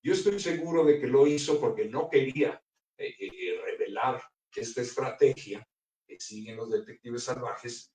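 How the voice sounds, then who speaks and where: A man's voice: mid-range voice, a little mellow. A man giving a thoughtful literary talk at a book presentation, hesitating often with fillers and restarts. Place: bookstore event room. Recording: roomy, picked up from a distance.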